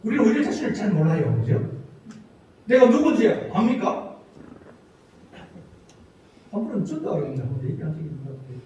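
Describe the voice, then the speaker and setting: A high, lively male voice preaching in a church sanctuary, stretching out key phrases as he tells a story. The sound is very roomy, picked up from some distance away. A faint hum of the room sits underneath. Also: fairly quick, pauses often, lo-fi sound. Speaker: pastor. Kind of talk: sermon.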